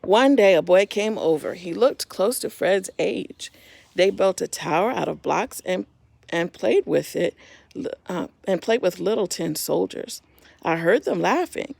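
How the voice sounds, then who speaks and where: A woman reads a children's story aloud to young listeners in a simple, expressive storytime style. Her voice sits on the low side, creaky and unhurried, with no echo.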